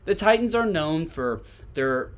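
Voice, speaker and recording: A man delivers solo sports commentary as a podcast host. His voice sits a little higher than average for a man. He is emphatic, restating his points and posing rhetorical questions to the listener. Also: very animated, unhurried. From Tennessee, United States.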